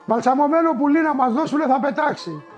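A brash, reckless horse-race gambler with a piercing high voice that shoots way above a normal man's, tossing out rough street slang, as a man puts him on in a spoken story. Faint music plays underneath. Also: highs cut off. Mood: joking. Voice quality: high shrill voice.

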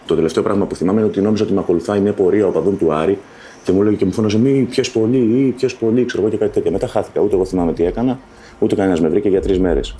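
A man candidly recounting his own life story in a loose, conversational way, often pausing with fillers. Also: deep voice, dark tone, a little hiss or hum.

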